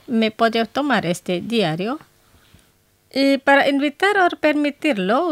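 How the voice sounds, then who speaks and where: Female language-lesson host: slow, careful, dry studio voice, repeats each phrase twice. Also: fairly high pitch, dry recording. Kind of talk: scripted radio language lesson.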